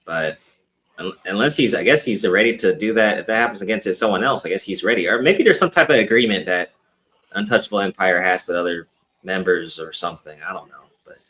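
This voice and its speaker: A man's voice: low-pitched, fairly quick, bright, forceful tone. A man hosting a live-stream panel in casual chat, laid-back and full of "um" fillers.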